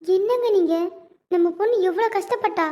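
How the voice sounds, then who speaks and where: A woman's voice: very high-pitched, normal speed, mellow. A woman doing a distressed pleading mother. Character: anxious loving middle-aged mother. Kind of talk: cartoon web series voice acting. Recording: dull lo-fi recording.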